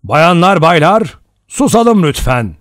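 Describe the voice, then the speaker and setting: Male narrator as a solemn accusing voice in a storybook, slow, formal, commanding. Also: a little high, big pitch swings, fairly bright tone, dry recording, clean studio sound, voice pushed up, full character voice. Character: stern, solemn male voice from a recording.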